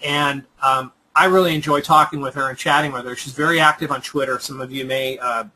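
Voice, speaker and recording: A man from Southern California hosting a casual online chat, talking in halting bursts full of fillers and restarts. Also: medium pitch, fairly even intonation, pushed and bright, rough recording. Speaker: host. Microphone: computer microphone on a web call.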